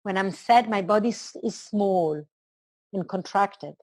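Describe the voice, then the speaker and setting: A woman's voice: mid-range voice, unhurried. A woman with an Italian accent shares spiritual teaching in a conversation. Her voice sits in a middle register. She is earnest and expansive, building each idea phrase by phrase. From Italy. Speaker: spiritual teacher being interviewed.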